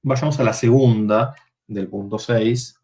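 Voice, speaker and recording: A man's voice: fairly low pitch, steady tone, takes it slowly, a little mellow. A man teaching a university Latin workshop, explaining verb forms step by step and checking in with the students.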